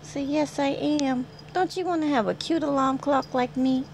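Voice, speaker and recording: A woman's voice: high-pitched, fairly even intonation, normal speed, creaky, a little mellow, a little hiss or hum. A woman filming at home on a phone, talking doting baby talk to her puppy. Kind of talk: casual home video chat. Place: home bedroom.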